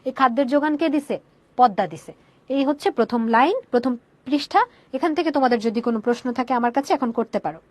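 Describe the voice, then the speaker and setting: A woman's voice: high voice, animated, quick pace, darkish tone, no room sound. A young woman teaching a poem in an online class, asking questions and answering them herself and mixing in English words. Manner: mixes English words into her explanation.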